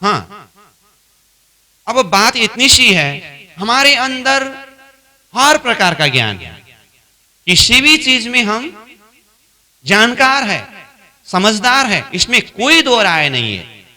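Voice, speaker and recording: A man's voice: very high voice, sing-song, slow pace, long pauses. A man leading a spiritual training class, repeating his points, asking the class questions and acting out both sides of an argument. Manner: acts out both sides of a dialogue, louder as it escalates.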